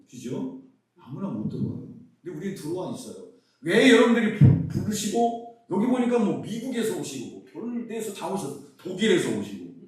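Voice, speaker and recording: A lively male pastor from Seoul, South Korea, with a high voice delivers a conference sermon full of rhetorical questions. The mic is far off, and the hall is very echoey.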